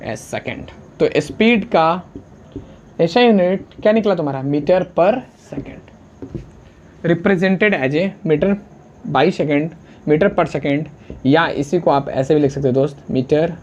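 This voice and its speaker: A man's voice: on the high side, darkish tone, muffled recording, a little hiss or hum. Questioning male science teacher. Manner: keeps asking the class questions and answering them himself; urges students to write quickly, calls them friend. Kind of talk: blackboard science lesson.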